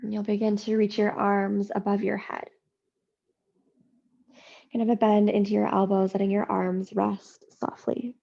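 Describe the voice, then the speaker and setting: Soft-spoken gravelly woman guiding yoga. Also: mid-range voice, completely flat delivery, dull audio. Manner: slow, soothing, drawn-out phrasing with long pauses. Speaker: yoga teacher. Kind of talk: slow guided yoga meditation.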